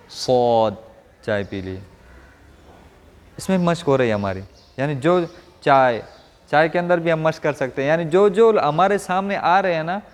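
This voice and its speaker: A man from Rajasthan teaching Quran pronunciation to a class, asking questions and modeling each sound slowly. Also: fairly high pitch, big-room sound. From Rajasthan, India. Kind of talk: classroom lesson.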